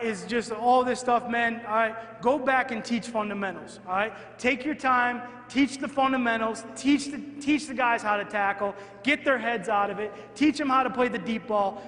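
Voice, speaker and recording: Coach guy breaking down film at a clinic, high voice, keeps going "all right?", big roomy hall. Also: fairly bright tone. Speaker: football coach. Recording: echoey hall, long reverb.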